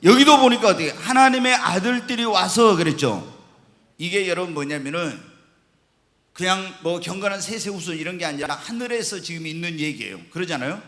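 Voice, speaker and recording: Male pastor, high and bright voice, Bible sermon with long church reverb, asks and answers his own questions. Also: animated, brisk. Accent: Korean. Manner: asks the congregation questions and answers them himself. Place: church sanctuary.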